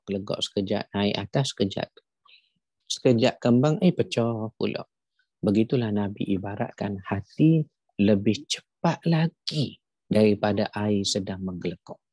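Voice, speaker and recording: A middle-aged Malaysian man preaches a religious lecture in a mellow, warm voice, and he acts out the scenes he describes. The recording is dry and close, with no room echo. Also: on the low side. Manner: animated preaching, acts out weeping recitation. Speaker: religious teacher.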